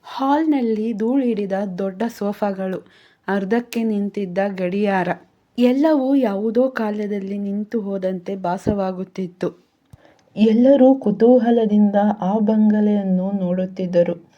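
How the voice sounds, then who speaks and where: A woman telling a story aloud in a calm, steady way. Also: medium pitch, a little slow. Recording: dull lo-fi sound.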